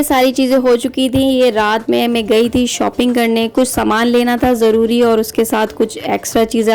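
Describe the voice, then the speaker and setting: A woman in her thirties narrates a family vlog over a voice-over mic. Her delivery is calm and flat, sitting a little high, and soft music runs quietly underneath. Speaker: family vlogger and mother. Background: soft background music.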